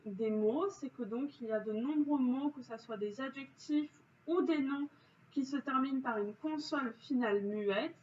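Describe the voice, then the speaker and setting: A woman teacher going through spelling exercises, explaining each answer slowly and patiently with frequent pauses and fillers. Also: high voice, a little mellow. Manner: slow, careful, patient explanations with frequent "donc" and "euh". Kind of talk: correcting spelling exercises for pupils. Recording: dull, roomy, distant, faint hiss.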